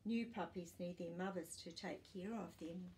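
Reading a non-fiction picture book for children, a woman in her sixties uses a lowish, darkish voice at normal speed, careful and simple for young ears. The audio is poor, with slight background noise. She sits indoors in a small living room, a camera set a short way off.

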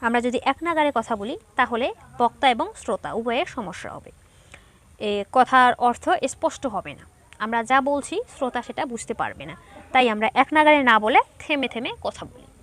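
A woman's voice: a little high, lively intonation, a little fast, a bit bright. A woman from Bangladesh teaching an online school lesson, reading each question aloud and then patiently dictating the answer step by step. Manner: patient, explains step by step to pupils.

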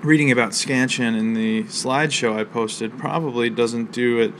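Man, college instructor, gravelly voice, measured explanatory lecture, faint traffic outside. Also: mid-range voice, steady tone, fairly bright tone. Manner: measured, explanatory, with thinking pauses and fillers. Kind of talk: recorded literature lecture. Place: outdoors near a library.

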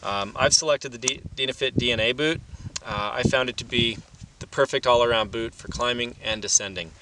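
A man with a mid-range voice talks a little fast, giving an informal gear demonstration as an instructor and presenter. He explains things plainly and matter-of-factly. The mic is distant, with light background noise.

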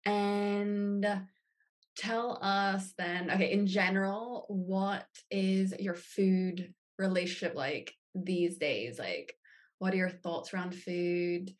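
A woman hosting a podcast, asking her guest open questions in an unhurried way. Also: medium pitch, fairly even intonation. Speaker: podcast host. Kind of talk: interviewing.

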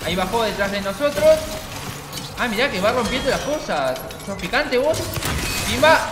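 Excitable high-voiced gamer guy. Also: normal speed, roomy sound, noisy background. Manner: excitable, jokey, swears, talks to the monster. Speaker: gaming channel host. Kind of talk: let's play commentary.

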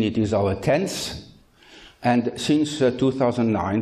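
An older man delivers a conference keynote into a handheld mic. His voice sits on the low side and sounds mellow and dark. He speaks in measured phrases, pausing often with a hesitant "uh" and stating plain opinions. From France. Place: lecture hall.

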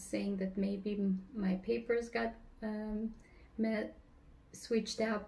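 A woman in her thirties from Romania, telling her personal faith story in an earnest, slightly halting way, seated at a table at home. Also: medium pitch, creaky, a little mellow, rough recording. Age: 30s. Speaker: church member giving testimony. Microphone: camera across the table.

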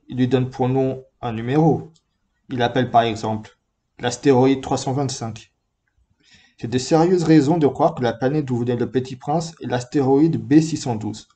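A man reading a book aloud in a calm, measured first-person narration. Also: mid-range voice. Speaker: reader.

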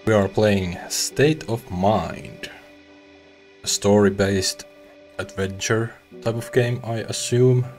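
A young Finnish man with a deep, low voice chats casually as he starts a new game, trailing off and restarting his sentences now and then. He talks into a headset mic in a small room at home, with faint game music behind him. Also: takes it slowly. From Finland. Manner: relaxed, chatty, with small restarts. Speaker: gaming streamer. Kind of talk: casual let's-play commentary.

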